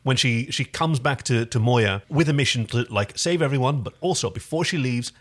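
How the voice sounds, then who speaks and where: A man co-hosting a podcast, chatting casually about a TV series, talkative and quick to laugh. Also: medium pitch, fairly bright tone. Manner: chatty, hesitant restarts, laughs easily. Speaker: podcast co-host. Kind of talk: casual chat reviewing a TV series.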